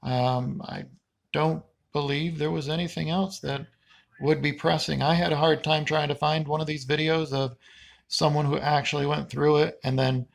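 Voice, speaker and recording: A man with a creaky voice giving a casual, unscripted personal update in a halting, rambling, plain-spoken way. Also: fairly high pitch, fairly even intonation. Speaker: patient vlogger giving a recovery update.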